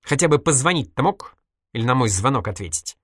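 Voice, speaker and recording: A reader voicing a sharp-tongued, stubborn young woman in an audiobook, reproachful and needling, with a dry close sound. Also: rumbling low, lively intonation, fairly quick, no room sound, voice pushed up. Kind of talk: audiobook character voice.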